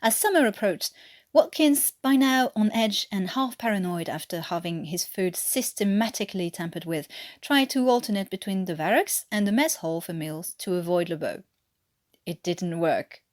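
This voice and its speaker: Reading a scripted story expressively, an amateur narrator from France tries for an English accent through her French one. She speaks at medium pitch and normal speed in an expressive way, with no room sound and studio-quality audio.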